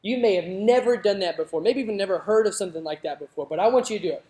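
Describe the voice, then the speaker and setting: Mellow-voiced youth preacher. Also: medium pitch, very fast. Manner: conversational preaching, rising to emphatic. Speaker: youth pastor. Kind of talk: sermon. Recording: roomy echoing hall.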